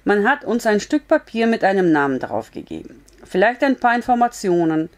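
A woman's voice: mid-range voice, very animated, normal speed, natural voice. A woman reading a story aloud, voicing a frank, blunt but comforting young woman in an earnest, raised voice.

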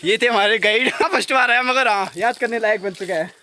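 A man's voice: sits high, fast talker, pushed and bright, slight background noise. A young man narrating a casual travel vlog while walking outdoors, talking into a handheld phone camera. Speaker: travel vlogger. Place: outdoors at a hill temple.

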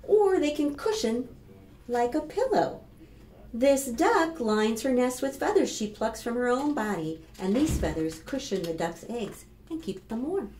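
Here the same kind of storytime host, an American woman in her fifties, reads and rhymes for preschoolers in a slightly high, slightly slow voice. Her delivery is expressive and teacherly, and she keeps asking the little ones questions. The recording, made in a small plain room, carries roomy echo and clear background noise.

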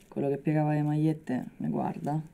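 Actress doing a young roman woman in a drama monologue, roman accent, really dark creaky voice, halting and low-key. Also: little pitch movement. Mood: subdued, reminiscing. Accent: Roman Italian. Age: young adult. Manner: subdued, halting, colloquial. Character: subdued working-class Roman woman recounting a childhood trauma. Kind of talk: dramatic monologue, conversational and confessional.

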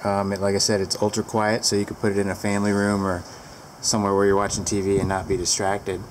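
A woman's voice: a bass voice, little pitch movement, fast. A woman giving a casual, rambling product review with fillers, filmed on a handheld camera inside a large barn with the door open to the wind.

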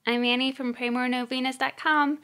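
A woman with a slightly high voice hosts a prayer podcast. She reads a scripted prayer slowly and carefully, in a prayerful tone. Soft guitar plays underneath her. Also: little pitch movement. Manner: slow, measured, prayerful. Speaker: podcast host leading prayer.

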